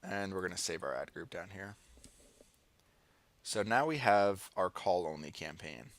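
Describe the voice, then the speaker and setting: Animated yet a little slow, this man's gravelly, fairly bright voice sits low. With an American accent, he presents an online marketing tutorial as an informal, partly improvised screen-share walkthrough, thinking aloud through each step.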